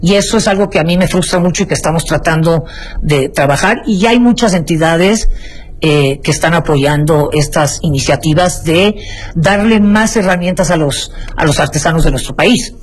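A woman's voice: low voice, moderate pace, slightly rough, rough recording. A woman from Mexico City with a Mexican accent, a guest talking with enthusiasm and frequent restarts in an interview. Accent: Mexican Spanish. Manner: enthusiastic, many restarts and fillers. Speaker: guest, folk art shop founder. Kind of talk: conversational interview.

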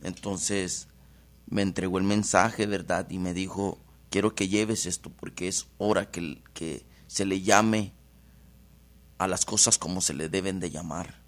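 A man's voice: deep voice, fairly even intonation, unhurried. A man from Honduras, an evangelist preacher speaking devoutly and measuredly as a radio guest. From El Progreso, Honduras. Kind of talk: radio interview.

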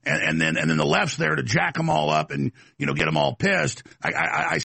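Gravelly, sharp-toned male host. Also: a little high, lively intonation, brisk, no echo. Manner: stammering restarts, heated and pressing. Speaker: talk show host. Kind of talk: pointed interview questioning.

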